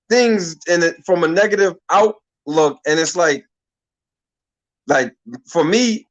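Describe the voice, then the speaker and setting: A man's voice: sits high, muffled recording. A man in his thirties from Harlem, hosting a radio talk show in a loose, slangy way and often restarting his sentences. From Harlem, New York. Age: 30s.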